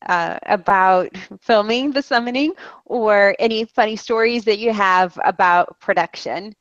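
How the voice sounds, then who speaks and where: A woman's voice: fairly high pitch, no echo. A woman hosting an online Q&A, upbeat and laughing often. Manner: giggly, upbeat. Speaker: host. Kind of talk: moderating an online Q&A. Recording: dull, dry lo-fi audio.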